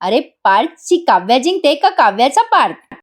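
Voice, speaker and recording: Woman doing a voice-over recap of a tv serial, chatty, excited, a bit high. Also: normal speed. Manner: chatty, excited, laughs often. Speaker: TV serial reviewer. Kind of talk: voice-over episode review.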